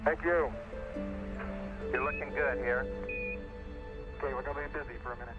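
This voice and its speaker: A man's voice: mid-range voice, fairly even intonation, narrow, tinny audio, loud music behind the voice. A man calling out terse, clipped numbers over an archival space radio transmission. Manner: clipped, rapid call-outs. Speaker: mission radio voice. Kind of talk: terse radio call-outs.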